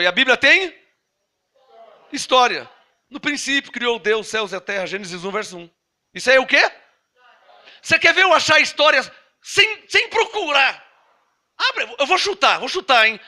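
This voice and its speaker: A man preaching a sermon as pastor, leading his congregation through Bible verses, asking them to repeat after him and drawing out key words slowly between quick asides. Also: extremely high pitch, bright, forceful tone. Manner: teaching, asks congregation to repeat and read along; slow emphatic stress on key words, then quick asides.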